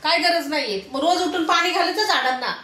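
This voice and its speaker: High-voiced middle-aged mother, scolding. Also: fairly quick, pushed and bright, echoey room. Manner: scolding, teasing, laughing. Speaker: vlogger's mother. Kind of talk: casual family vlog chat. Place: home.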